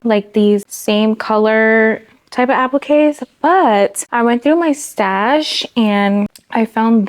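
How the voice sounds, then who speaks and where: A woman's voice: on the high side, a little mellow. Young adult woman, sewing vlogger, casual chatty talk, tired, slightly out of breath, rambling. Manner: chatty and rambling, lots of "like" and "so yeah". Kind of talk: casual vlog chat.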